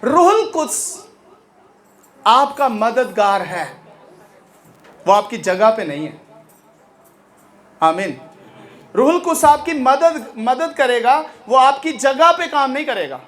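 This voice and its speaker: A male pastor preaching a sermon with fervour, rising to shouts and dropping low, and acting out the voices of his congregation. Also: big pitch swings, takes it slowly, long pauses.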